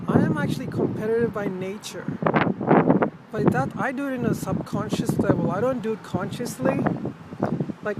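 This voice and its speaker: A vlogger chatting casually and reflectively outdoors with wind on the mic, often trailing off and rephrasing. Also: medium pitch. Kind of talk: casual, rambling personal vlog chat. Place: outdoors in wind, with urban ambience. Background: strong wind noise.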